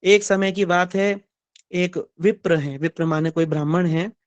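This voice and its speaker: A man telling devotional stories in a sermon, animated, turning to ask his listeners. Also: high-pitched, unhurried, dry recording, dull audio. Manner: animated storytelling, asks the audience. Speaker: spiritual storyteller.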